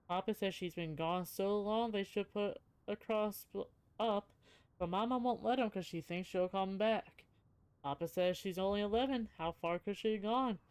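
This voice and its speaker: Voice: mid-range voice, close to an everyday voice. A person reading aloud as a frightened young frontier girl from a game diary, in a plain childlike manner with folksy rural phrasing.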